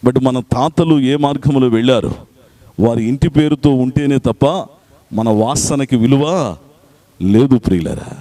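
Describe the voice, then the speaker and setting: A male pastor preaching a sermon in a church at a night meeting, repeating scripture phrase by phrase and urging the congregation to answer loudly. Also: medium pitch, measured pace, pauses often.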